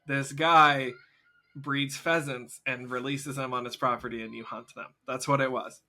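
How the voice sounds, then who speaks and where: A man's voice: medium pitch, unhurried. A man co-hosting a podcast, telling a story in casual chat and laughing through it. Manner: laughs through his own story, animated. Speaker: podcast co-host.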